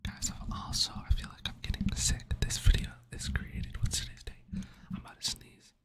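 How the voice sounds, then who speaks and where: A young man with a cold whispers ASMR very close into the ear, slowly repeating words. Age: young adult. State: sick with a runny nose. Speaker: ASMR creator. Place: small indoor room at home. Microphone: desk condenser microphone at the lips.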